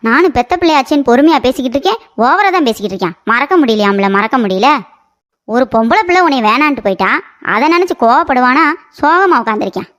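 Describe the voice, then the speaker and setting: A woman's voice: high voice, animated, fast talker, fairly bright tone. A woman voicing a quarrelsome, scolding middle-aged mother in a comic cartoon. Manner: scolding, taunting.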